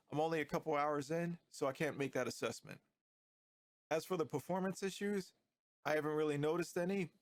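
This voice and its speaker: A man with a stuffy, nasal voice from a cold, giving relaxed, slightly critical commentary on a video game. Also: on the high side, no echo. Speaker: gaming YouTuber.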